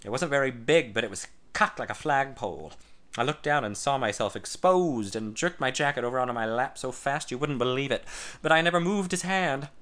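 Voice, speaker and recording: Bright-voiced man narrating a story. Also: mid-range voice, expressive, brisk. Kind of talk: first-person story narration.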